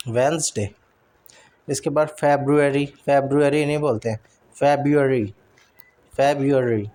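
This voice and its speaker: A man teaching an English pronunciation lesson, talking slowly and deliberately. He says each word again and again and keeps checking in with the listener. His pitch sits at an ordinary male middle. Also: darkish tone. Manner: repeats each word several times, says "ठीक है" often. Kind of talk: explaining lesson in Hindi, reading English slowly.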